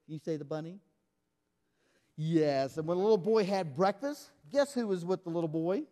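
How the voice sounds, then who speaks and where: A man's voice: high voice, animated, normal speed, dark tone. A man performing a children's magic show, playfully acting surprised and quizzing the kids in call-and-response. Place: church hall with a live audience. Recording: echoey hall.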